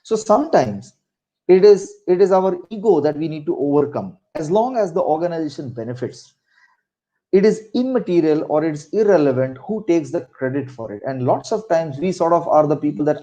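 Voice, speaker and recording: Mellow Indian man with a Marathi accent. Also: on the high side, lively intonation, moderate pace, muffled recording. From Maharashtra, India. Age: middle-aged. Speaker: interview guest, senior corporate executive. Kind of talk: conversational career advice with anecdotes.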